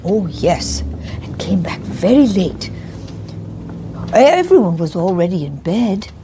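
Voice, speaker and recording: A woman's voice: mid-range voice, big pitch swings, slow, background noise. A woman playing a nervous, deferential Victorian landlady in a mystery role-play, with a stammering, frightened manner. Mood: anxious, deferential.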